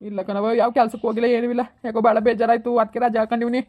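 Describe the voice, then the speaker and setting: A woman's voice: on the high side, little pitch movement, racing, narrow, tinny audio, natural voice. A woman acting as a young husband thrown out by his family, pleading and self-pitying. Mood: resigned. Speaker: son in a village drama.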